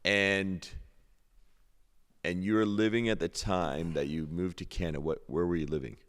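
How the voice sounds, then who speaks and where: Low-voiced guy hosting a podcast, curious and chatty, lots of echo trailing off. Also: fairly even intonation, normal speed, fairly bright tone. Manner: curious, repeats words, lots of short reactions. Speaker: podcast host. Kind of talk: conversational interview.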